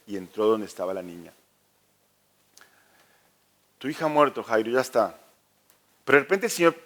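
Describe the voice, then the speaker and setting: A pastor preaching with an earnest, measured delivery, his voice sitting a little higher than most men's. He stumbles and repeats words as he goes and drops his pace to stress key phrases. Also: a bit bright. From Argentina. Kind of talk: sermon.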